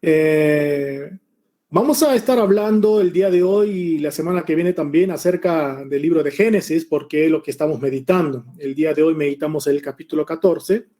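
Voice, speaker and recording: Born in Korea and raised in Argentina, a man in his forties leads a Bible lesson on a video call, his Spanish carrying both Argentine and Mexican accent features. He talks at a normal pace with a slightly high voice, easygoing and conversational, with plenty of hesitations.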